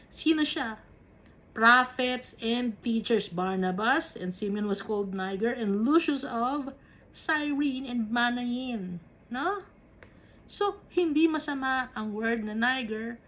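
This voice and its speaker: A woman's voice: sits high, fairly bright tone. A woman with a Filipino accent teaching a Bible study, switching between Tagalog and English and asking rhetorical questions.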